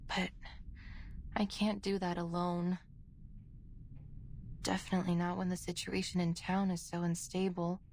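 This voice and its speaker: A weary, driven scholar. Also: female voice, on the low side, little pitch movement, a little slow, pauses often, darkish tone, a little hiss or hum. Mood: earnest, absorbed. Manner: earnest, brooding, sighing soliloquy. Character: weary, driven woman scholar, muttering to herself.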